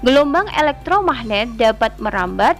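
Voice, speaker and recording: A woman giving an online grammar lesson as a teacher, reading example sentences aloud and explaining them slowly. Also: fairly high pitch, big pitch swings, faint music behind.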